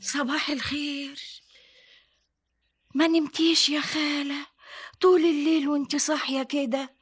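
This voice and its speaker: A woman's voice: high voice, fairly even intonation, moderate pace, faint music behind, lightly acted. An actress playing a seasoned female cellmate who is matter-of-fact and prying, with an Egyptian Arabic accent.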